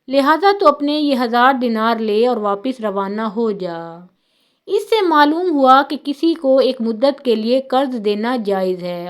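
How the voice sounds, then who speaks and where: Calm woman narrating religious stories. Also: on the high side. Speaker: storyteller. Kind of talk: scripted religious story narration.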